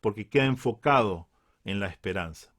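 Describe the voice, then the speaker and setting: A man's voice: on the low side, lively intonation, moderate pace, fairly bright tone. A man with a Uruguayan Spanish accent preaching a reflective Bible sermon, earnest and repeating key phrases for emphasis.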